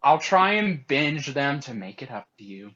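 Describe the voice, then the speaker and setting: A joking co-host talks in a casual podcast chat, poking fun at themself. The sound is dull and lo-fi, with the clear chatter of a crowd behind. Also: medium pitch, big pitch swings, moderate pace. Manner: joking, self-mocking.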